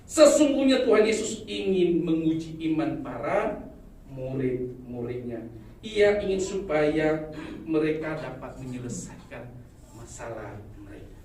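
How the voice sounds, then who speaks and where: A woman preaching a sermon, swinging between loud emphatic exhortation and quiet asides. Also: deep voice, lively intonation, measured pace, a little hiss or hum. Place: church. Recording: echoey church hall, distant mic.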